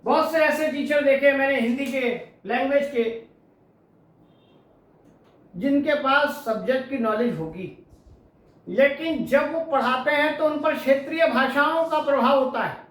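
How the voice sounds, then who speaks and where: A woman's voice: sits high, normal speed. A woman teacher giving an exam-prep lecture who asks her students questions and then answers them herself. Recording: very echoey room, distant mic.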